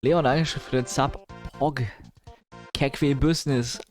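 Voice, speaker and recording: A live streamer with a mid-range voice chats casually, reacting to news and viewers while tossing in English gamer slang and grumbling asides. He talks slowly and steadily over soft background music.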